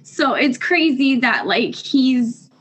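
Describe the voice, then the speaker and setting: A woman guest receiving a reading, earnest and excitable, tripping over her words at times. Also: sits high, slow. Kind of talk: emotional conversation.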